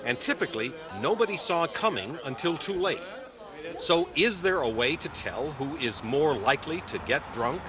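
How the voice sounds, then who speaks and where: A man narrating a news feature in a scripted style, with a wry, lively delivery. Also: a little high, moderate pace, crowd noise.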